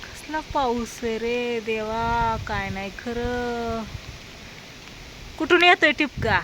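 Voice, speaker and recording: A woman's voice: a little high, takes it slowly. A woman chatting casually in a home vlog outdoors, coaxing her pets in a sing-song voice. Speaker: vlogger. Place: outdoors at a house doorway, windy and rainy. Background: faint wind and rain.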